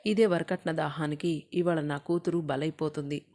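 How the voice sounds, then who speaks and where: A woman's voice: low voice, steady tone, normal speed, dark tone. A woman voicing a remorseful older mother-in-law who begs forgiveness through tears.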